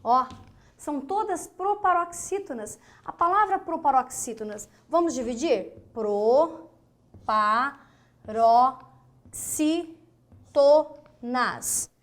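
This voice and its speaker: In a lesson studio with a whiteboard, a woman with a Brazilian Portuguese accent teaches grammar in a recorded online lesson, counting syllables aloud and checking in with her students. Her voice sits high and fairly bright, with lively intonation at a moderate pace.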